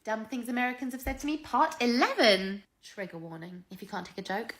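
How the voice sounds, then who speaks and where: A woman's voice: a little high, lively intonation, brisk, fairly bright tone. A woman from Essex with an English accent, telling a comedy skit in a dry, matter-of-fact way. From Essex, England.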